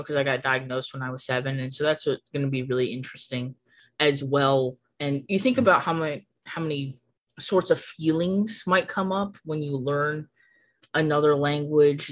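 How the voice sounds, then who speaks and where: A young woman with a low voice speaks at a moderate pace as a guest on a podcast. The conversation is casual and chatty, and she laughs often and leans on fillers like "like."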